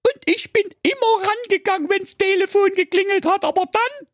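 A man voicing a cheeky, know-it-all male parrot in a comedic radio play, with a shrill, squawking manner. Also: normal speed, no room sound, clean studio sound. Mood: complaining.

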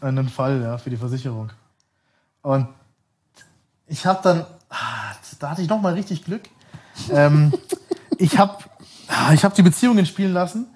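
A man's voice: on the high side, darkish tone, breathy edge. A man in his thirties, a podcast guest telling long stories in a rambling, casual way, often laughing and correcting himself. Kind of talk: casual storytelling.

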